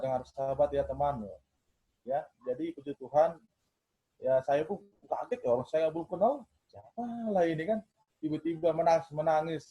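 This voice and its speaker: A middle-aged man, a pastor, telling a lively story to young people on a video call and acting out the dialogue. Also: a little high, slightly rough. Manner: animated storyteller, acts out dialogue. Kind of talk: storytelling in an online youth meeting. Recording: dull lo-fi video call audio.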